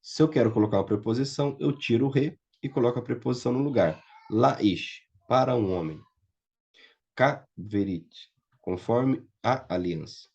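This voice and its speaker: This online Biblical Hebrew teacher has a Brazilian Portuguese accent and a medium-pitched, gravelly, darkish voice with some breathiness, and he speaks briskly. He's patient, frequently making sure the class understands with "tá?" or "certo?", and the recording sounds muffled and lo-fi.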